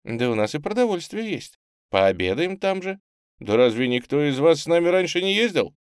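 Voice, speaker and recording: A bright, cheerful young woman coaxes and reassures street kids in a warm, gentle voice, as a man puts her on for an audiobook. She sounds high and animated, recorded dry and close. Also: normal speed, smooth, no echo. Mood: coaxing. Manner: warm and coaxing.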